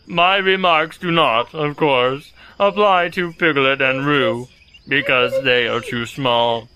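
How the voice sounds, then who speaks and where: A man playing a gloomy, self-pitying donkey who grumbles pompously in a slow, halting, sardonic way in an audio storybook drama. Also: a little high, pushed and bright, slight background noise, exaggerated voice.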